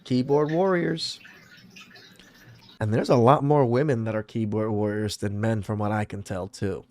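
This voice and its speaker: A man hosting a podcast, reacting to clips in a measured, easygoing way and thinking aloud. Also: fairly low pitch, steady tone, darkish tone, slight background noise. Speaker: podcast host. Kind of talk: casual reaction commentary.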